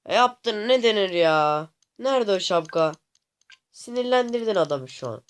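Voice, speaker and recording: A man hosting a gaming channel, commenting casually on his gameplay to viewers, often exasperated and complaining out loud at the game. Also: sits high, lively intonation, normal speed, clean tone, soft background music. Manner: talks to viewers directly.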